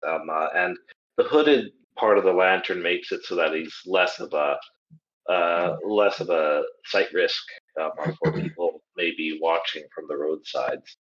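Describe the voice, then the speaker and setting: Low-voiced man running a tabletop game. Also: a little slow, fairly bright tone. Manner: hesitant, many ums and restarts. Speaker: game master. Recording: dull lo-fi audio.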